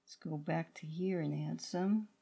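A woman's voice: sits low, a little slow, gravelly, dark tone, breathy edge. A middle-aged woman teaching watercolor painting step by step, speaking unscripted in short, sparse phrases as she works. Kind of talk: unscripted step-by-step art tutorial. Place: indoor studio room at a worktable.

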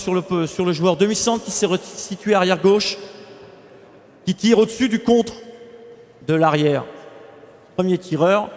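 A man coaching handball, calling out urgent, repeated drill commands and tactical instructions. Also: high voice. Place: indoor sports hall. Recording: echoey sports hall, faint noise.

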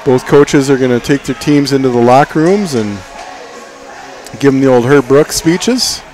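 Over the din of a crowded ice arena, a middle-aged man provides folksy, one-sided play-by-play of a hockey game for a local audience. He speaks at a moderate pace in a mid-range voice.

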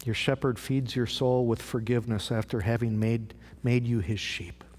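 A man's voice: medium pitch, steady tone, moderate pace, darkish tone. A man preaching a sermon as pastor, asking rhetorical questions and repeating phrases for emphasis. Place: large church sanctuary. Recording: live church broadcast with long hall reverb.

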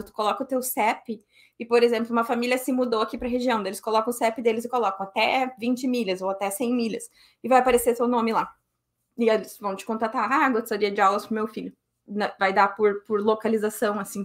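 A woman's voice: on the high side, a bit bright. A woman, giving a casual online lecture as a cello teacher over a webcam. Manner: casual, chatty explaining with fillers. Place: room at home. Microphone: webcam on video call.

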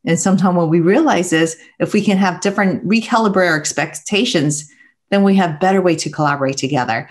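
A woman's voice: on the low side, fast talker. Earnest Taiwan-born woman on a video call. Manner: earnest, reflective, with soft laughs. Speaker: guest. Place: home room with bookshelves, indoors. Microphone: wired earbuds headset on video call.

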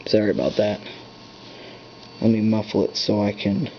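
Muttering to himself over a device he's setting up, a hobbyist presses buttons at his desk indoors. He speaks at normal speed in a lowish, monotone voice, recorded on dull lo-fi camera audio carrying a faint hum.

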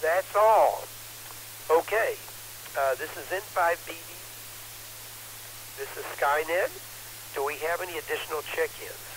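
A man with a slightly high voice hosts an amateur radio net. He reads out material and manages callers as controller. The sound is a radio link with clear hiss and static. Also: unhurried, pauses often, fairly bright tone, poor audio. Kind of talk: reading an article aloud and running an amateur radio net.

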